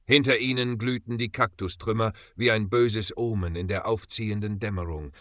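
Low-voiced man narrating an audiobook gravely. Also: steady tone, moderate pace, a bit bright, dry recording, clean studio sound. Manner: grave, dramatic storytelling.

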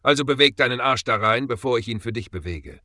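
A man's voice: medium pitch, fast, sharp tone, no room sound, clean studio sound. A man voicing a cold, grim male mercenary leader who gives curt orders.

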